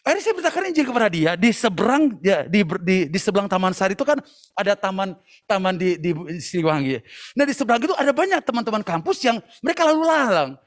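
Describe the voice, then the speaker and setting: High-voiced, impassioned male preacher. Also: sing-song, fast. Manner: impassioned, at times shouting, mixing in English phrases; addresses listeners as brothers and sisters. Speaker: church elder preaching. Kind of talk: sermon for an online youth service.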